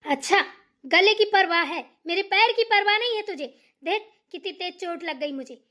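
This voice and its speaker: A woman voicing an aging village mother who is bossy and short-tempered, yelling shrilly and muttering to herself. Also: extremely high pitch, animated, moderate pace, heavily acted. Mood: scolding. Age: older. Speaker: cartoon character voice. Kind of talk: cartoon voice acting.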